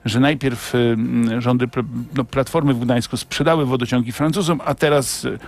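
A man's voice: mid-range voice, steady tone. Ironic male radio host. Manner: ironic, teasing, quick questions. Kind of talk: radio interview. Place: radio studio.

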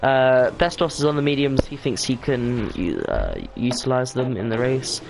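A man's voice: medium pitch, sing-song, normal speed, vocal fry, noisy background. A man giving casual sim racing commentary, tired and hesitant, with lots of ums and corrections of himself. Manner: tired and yawning. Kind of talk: casual esports race commentary.

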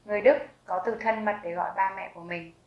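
A woman teaching vocabulary, repeating each word slowly and carefully. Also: mid-range voice, fairly even intonation, roomy sound, dull audio. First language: Vietnamese. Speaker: German language teacher. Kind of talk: vocabulary lesson with slow repetition.

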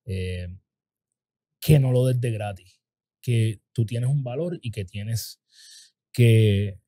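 Dark, husky host, relaxed interviewer. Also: male voice, medium pitch, slow pace, no room sound. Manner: conversational, asks probing questions. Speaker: podcast host. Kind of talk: interviewing a guest.

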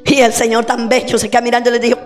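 A woman's voice: on the high side, flat delivery, rapid-fire. A woman preacher giving a sermon, telling stories animatedly and acting out quoted voices. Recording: long hall reverb, faint music.

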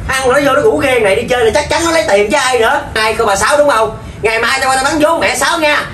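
A woman's voice: sits high, fast talker, fairly bright tone, slight background noise. A woman, playing an accusing, scolding mother in a comedy sketch. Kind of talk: scripted comedy sketch acting. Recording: echoey room from far off.

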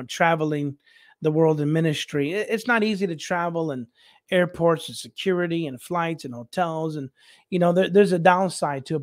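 A man who is a missionary preacher, telling a rambling, animated story on a talk show, laughing often and restarting his sentences. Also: fairly high pitch, no echo, studio quality. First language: English.

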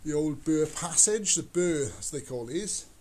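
A farmer vlogger speaks a little slowly in a somewhat high, animated voice with a darkish tone. Wearing an action camera, he rambles plainly through his farmyard and cow shed, showing his work in a casual walk-through.

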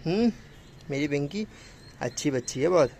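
Holding his phone at arm's length, a young man vlogs a casual walk-through of his outdoor animal farm, talking affectionately to the animals. His voice is a little high and a little mellow, with lively intonation at a moderate pace, plus slight hiss or hum.

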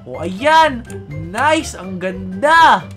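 A woman narrating a Minecraft role-play, excitable, playful and dramatic. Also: medium pitch, very slow, faint music behind.

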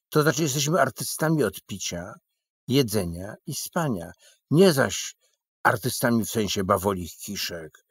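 A man voicing a sly male vagabond in a storybook who rambles in a quick, mock-learned way. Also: lowish voice, creaky, slightly rough, dry recording, heavily acted.

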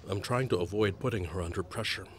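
A man's voice: deep voice, fast, slight background noise, natural voice. An actor dubbing a young husband who speaks firmly to his father and wife. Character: young husband, calm son. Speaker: dub actor. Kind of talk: drama dub.

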